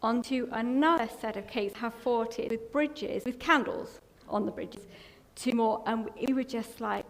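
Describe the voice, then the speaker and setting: A woman's voice: a little high, a little slow, gravelly, few pauses. English woman sharing a tearful testimony. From England. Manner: emotional, tearful at times, rambling storytelling. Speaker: church member giving testimony. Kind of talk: personal testimony. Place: church hall. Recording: long hall reverb, faint background noise.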